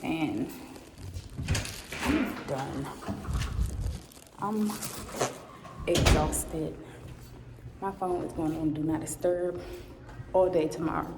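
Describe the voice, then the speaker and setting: A woman's voice: sits low, very slow, long pauses, very noisy. A young woman chatting casually and bluntly to her viewers in a vlog, swearing freely, recorded on a handheld phone. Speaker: vlogger.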